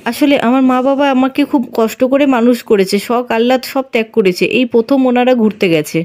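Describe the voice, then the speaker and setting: A woman's voice: a little high, fairly quick, darkish tone, close to an everyday voice. A woman voicing an evasive young man who pleads and makes excuses about his past. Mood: pleading.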